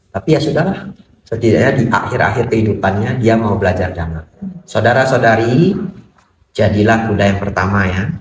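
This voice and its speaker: A man delivers a Buddhist dharma talk in a temple hall, his voice caught from a distance with plenty of room echo. He speaks with humor and acts out short exchanges between himself and the people who come to him. Faint noise sits under the recording. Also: fairly low pitch. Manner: humorous, acts out dialogues with visitors. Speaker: Buddhist monk. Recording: echoey hall, mic at a distance.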